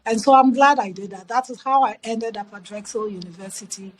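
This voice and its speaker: A bit of hiss or hum runs under this low-quality clip of a middle-aged Ghanaian woman, her voice a little high. Being interviewed, she tells her life story thoughtfully and steadily, driving points home by repeating them.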